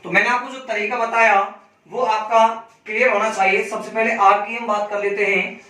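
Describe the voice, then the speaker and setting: A man teaching a reasoning class, spelling out letters slowly and asking students questions he then answers himself. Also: high voice, level tone, sharp tone, recorded from a distance. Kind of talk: classroom lesson. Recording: echoey room, voice from off-mic.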